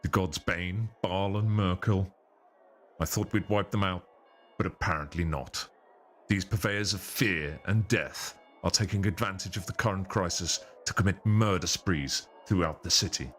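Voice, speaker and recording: A game master uses a voice changer to deepen his voice, which still has a fairly bright tone, as he plays a stern, commanding male captain of the city guard. The captain issues curt orders.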